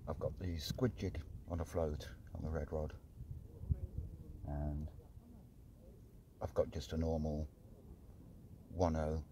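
A man's voice: a bass voice, little pitch movement, takes it slowly, pauses often. A middle-aged man chatting to camera about his fishing tackle, filmed outdoors on a seaside pier with a phone held at arm's length. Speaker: fishing vlogger. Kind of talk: casual vlog to camera. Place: outdoors on a harbour pier by the sea. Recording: windy outdoor phone recording. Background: wind and water noise.

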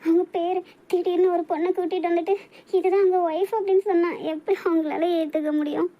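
A woman's voice: extremely high pitch, level tone, fast talker, muffled recording, slight background noise. A woman voicing a tearful young bride with a Kanyakumari accent. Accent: Kanyakumari Tamil. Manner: pleading, tearful. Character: young bride, emotional and lonely. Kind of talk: hobby cartoon voice acting.

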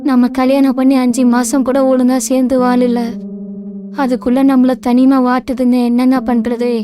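A woman's voice: sits high, completely flat delivery, moderate pace, lightly acted. A woman voicing a worried young wife in a cartoon, speaking plaintively over background music.

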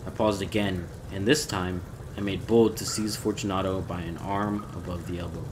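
A man reading a gothic horror story aloud in a measured, theatrical way. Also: sits low, steady tone, noisy background. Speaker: audiobook reader.

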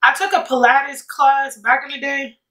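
A woman in her late thirties with a high, forceful bright voice talks casually to camera during a meal. She rambles playfully with plenty of sass. The room echoes around her. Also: steady tone, moderate pace. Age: late 30s. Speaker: mukbang vlogger. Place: indoors, seated at a table. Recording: roomy echo, distant mic.

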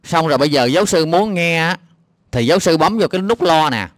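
Southern vietnamese guy ranting over a clip, mocking and fed up, lots of uh fillers, slightly high voice, dry sound. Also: lively intonation, fairly quick, no echo. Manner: exasperated and mocking, heavy hesitation fillers. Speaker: video commentator. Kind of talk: reaction commentary on a clip.

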